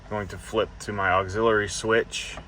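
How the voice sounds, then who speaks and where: A man's voice: on the low side, level tone, moderate pace, bright, forceful tone, slight background noise. A man giving a casual step-by-step how-to while working on his van. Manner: plain, practical, explaining step by step. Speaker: DIY van builder.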